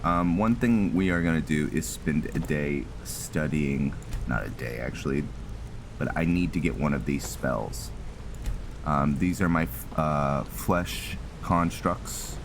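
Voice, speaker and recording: Over clearly audible game sounds, a man with an extremely deep voice talks a little slowly. He gives casual playthrough commentary for a video game, musing and thinking aloud while roleplaying.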